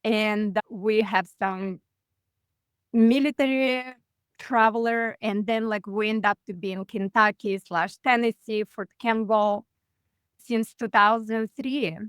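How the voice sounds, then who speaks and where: Russian-accented woman, 40s, guest over video call; halting, filler-heavy, clear, dry. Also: mid-range voice, steady tone, no room sound. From Russia (far east). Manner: halting, many "like" fillers, simplified grammar.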